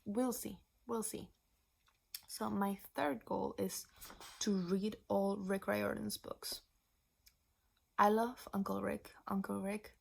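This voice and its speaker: A nineteen-year-old woman from Venezuela chatting casually as a book vlogger, rambling with restarts and slipping into breathy whispered asides. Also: mid-range voice, flat delivery, slow pace, pauses often. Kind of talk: casual chat.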